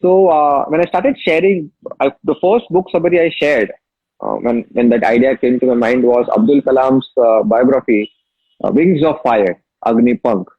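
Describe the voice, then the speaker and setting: In a relaxed interview, a male app founder from Maharashtra recounts his story emphatically, circling back to key phrases in Marathi-accented Indian English. The voice is mid-range and slightly rough at a moderate pace, recorded without room sound and sounding dull and lo-fi.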